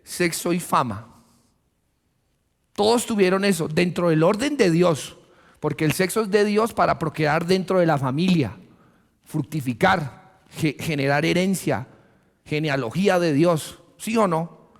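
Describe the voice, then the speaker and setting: High-voiced Colombian pastor preaching. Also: male voice, vocal fry. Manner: animated, joking, laughs often. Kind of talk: sermon. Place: church. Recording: long reverb of a church hall.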